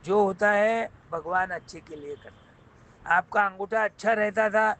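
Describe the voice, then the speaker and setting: A man voicing a wise, calm prime minister in a told folk tale, patiently explaining a lesson. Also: high voice, unhurried, a little hiss or hum, low-quality recording.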